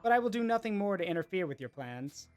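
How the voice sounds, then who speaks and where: A player reading a calm, menacing evil AI in a video game, cold, measured and formal. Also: medium pitch, soft background music, lightly acted. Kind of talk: reading game dialogue aloud.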